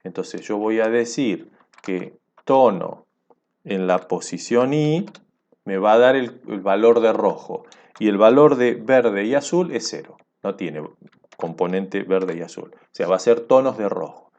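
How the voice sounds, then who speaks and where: A man's voice: lowish voice, a little slow, darkish tone. A man teaching a programming lesson over a screencast, explaining step by step and checking in with his listeners.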